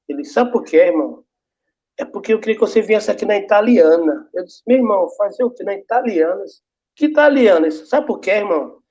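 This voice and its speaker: A man's voice: high-pitched, darkish tone. A male pastor giving a testimony to a congregation, acting out the dialogue in his story. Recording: dull lo-fi recording.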